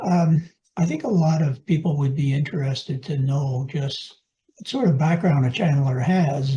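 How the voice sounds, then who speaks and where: A man hosting an interview, with a mellow, slightly higher voice. He asks polite, measured questions and uses a few fillers along the way. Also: poor audio. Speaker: interview host.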